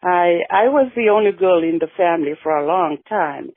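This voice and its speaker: A woman in her sixties from Fiji, reminiscing in a relaxed radio interview, often adding yeah as she goes. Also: on the low side, normal speed, dry recording. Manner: warm, reflective storytelling with frequent yeahs. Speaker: guest. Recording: dry phone-like radio line.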